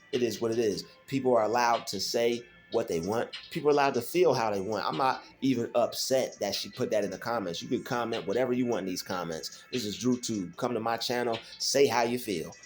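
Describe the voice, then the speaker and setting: A man hosts his own faith vlog, alone at home, speaking at a medium pitch. He talks casually and emphatically, repeating phrases and using plenty of fillers.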